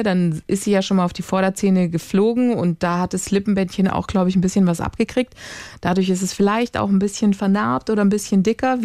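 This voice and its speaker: A woman's voice: mid-range voice, mellow, no echo, clean studio sound. A woman in her thirties telling parenting stories in casual chat, acting out the voices she quotes. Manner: storytelling, acts out quoted voices.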